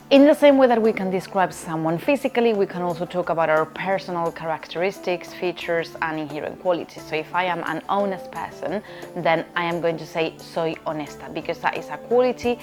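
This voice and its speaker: A woman from Spain, a language teacher explaining grammar in an online lesson, often checking in with "okay?". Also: on the low side. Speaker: Spanish teacher.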